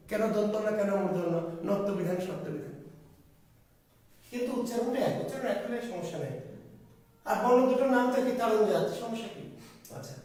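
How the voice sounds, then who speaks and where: A man teaching a grammar class, his voice pitched high for a man. He keeps asking short questions and repeating the answers. He is heard from across a strongly echoing room. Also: darkish tone. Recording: very echoey room, far from the mic.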